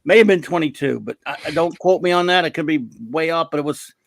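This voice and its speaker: Hosting a relaxed livestream conversation via video call, this man talks quickly in a fairly high, creaky voice on a dry recording. He is rambling and hesitant, often teasing himself about how poor his memory is.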